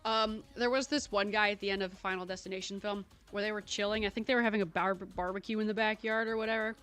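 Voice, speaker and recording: Soft background music accompanies a young livestream host who eats while chatting casually and playfully with viewers, giggling often. Her voice is medium-pitched and fairly bright, quick, with fairly even intonation.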